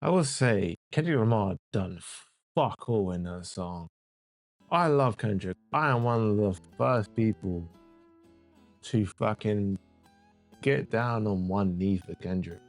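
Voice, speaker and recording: A man's voice: fairly low pitch, animated, measured pace, darkish tone. A man reviewing music as a reaction host, blunt and full of swearing and exasperated outbursts. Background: faint music playing.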